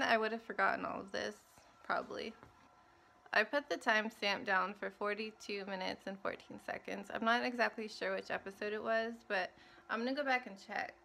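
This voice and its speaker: A woman's voice: medium pitch, creaky, sharp tone, a little hiss or hum. A young woman vlogger talking casually to camera, rambling and self-mocking, often laughing at herself.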